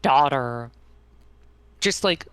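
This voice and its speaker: A man's voice: mid-range voice, expressive, drawn-out words, fairly bright tone, clear, resonant tone, dry recording. A man in casual chat, explaining eagerly with many filler words. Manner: enthusiastic explaining, filler-heavy.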